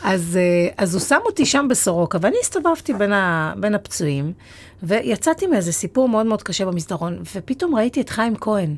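A woman's voice: mid-range voice, very animated. A middle-aged woman hosting a podcast, telling stories in an earnest, hesitant conversational way. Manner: earnest, storytelling with frequent hesitations. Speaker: podcast host.

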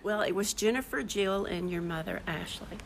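A woman's voice: medium pitch, moderate pace, vocal fry, crowd noise. An older grandmother, teasing bluntly in a casual family chat as a guest.

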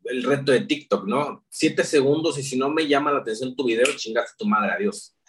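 A young man with a Mexican Spanish accent, a podcast guest telling stories in a slangy, animated way. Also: mid-range voice, moderate pace, distant mic, a crowd in the background. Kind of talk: casual interview chat.

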